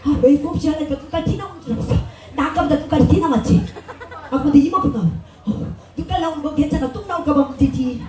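A woman's voice: high voice, quick pace, music in the background. A woman stage performer joking with a live audience and thanking them over and over, speaking through a stage microphone at an outdoor festival. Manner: joking, chatty, effusive thanks. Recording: echoey PA sound, taped from far off, crowd noise.

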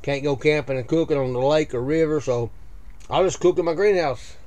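A man giving a casual walkthrough of his small greenhouse, plain-spoken and listing things with frequent "uh" pauses, recorded on a head-mounted camera. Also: a little high, darkish tone. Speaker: video creator giving a greenhouse tour. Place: small greenhouse at night, indoors. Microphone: head-mounted action camera.

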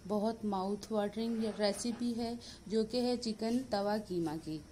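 A woman with a Pakistani Urdu accent, hosting a cooking channel, calmly talking through each step of a recipe in a voice-over. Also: medium pitch, a little slow, slight background noise. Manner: steady step-by-step instructions mixed with English words.

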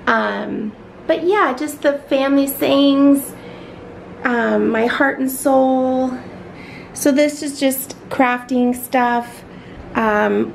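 A middle-aged woman talks her way through a tour of her home office, unhurried and full of little fillers. Her voice has a gravelly, creaky edge. There's a faint background hiss, like a camera held in a small room. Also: on the high side, rough recording. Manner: chatty, filler-heavy, fond of her things. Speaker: home vlogger. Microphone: handheld camera.

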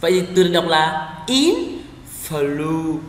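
A man with a Vietnamese accent teaching English pronunciation, repeating each word slowly and spelling out its sounds. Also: sits high, animated, fairly bright tone. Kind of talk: slow pronunciation drill. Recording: echoey room with long reverb.

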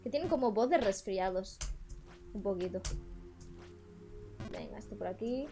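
A woman's voice: mid-range voice, lively intonation, moderate pace, mellow, soft background music. A young woman with a Spain Spanish accent, chatting on a live gaming stream, frustrated and swearing at the game.

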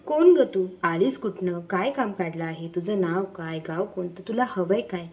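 A woman voicing a sharp-tongued young palace maid who asks questions briskly. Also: on the low side, dull audio, natural voice. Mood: brisk, wary.

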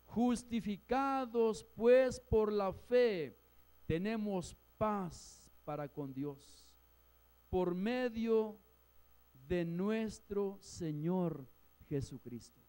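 A pastor from Mexico preaching a sermon, telling a story with emphatic swings between loud and soft. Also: male voice, high voice, smooth. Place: church hall.

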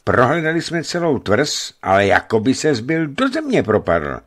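A man's voice: medium pitch, wildly swooping pitch, fairly bright tone, pitched above the performer's own voice, exaggerated voice. A man voicing a breathless guard commander. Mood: relieved. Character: breathless male guard commander, deep-voiced.

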